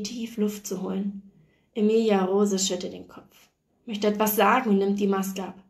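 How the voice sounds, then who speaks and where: A woman reading aloud from a novel in a calm, soft storytelling voice, sometimes dropping to a hush. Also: mid-range voice. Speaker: reader.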